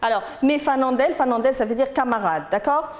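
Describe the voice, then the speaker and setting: A woman teaching a French lesson, explaining slowly and patiently and checking in with her students as she goes. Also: high-pitched, echoey room. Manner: explains patiently, slow and repetitive, asks "d'accord?". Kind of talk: recorded lesson.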